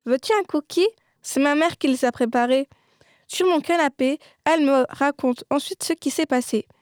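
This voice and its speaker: A woman voicing a gentle, worried friend who comforts a grieving girl. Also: high-pitched, normal speed, dry recording, clean studio sound, natural voice. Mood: caring.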